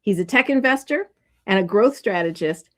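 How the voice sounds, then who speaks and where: A woman's voice: mid-range voice, expressive, moderate pace. A woman hosting a live session, enthusiastically introducing the guest speaker. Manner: enthusiastic, warm praise. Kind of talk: event introduction.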